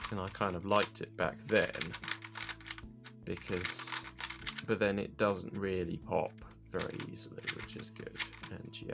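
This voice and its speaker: A man's voice: on the low side, vocal fry. A man casually reviewing puzzle cubes, rambling and correcting himself as he thinks aloud over background music. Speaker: cube reviewer.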